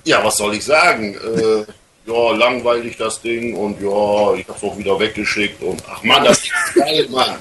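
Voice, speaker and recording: A man's voice: lowish voice, moderate pace, bright, forceful tone, a little hiss or hum, rough recording. A man calling in live to a radio show over a computer with no headset, chatting casually and joking, often trailing off with fillers. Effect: voice coming in over a call through a computer without headset. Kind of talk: casual chat.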